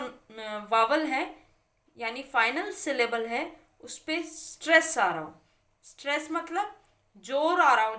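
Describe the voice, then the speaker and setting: A woman's voice: high-pitched, fairly bright tone. A woman teaching English spelling rules in Hindi, stressing example words and asking and answering her own questions.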